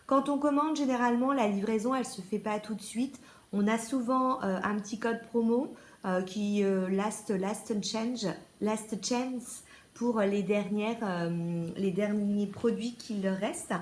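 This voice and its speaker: A woman's voice: medium pitch, measured pace. Chatty French woman in an echoey room. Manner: chatty, many fillers and restarts. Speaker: beauty vlogger. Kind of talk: casual haul video.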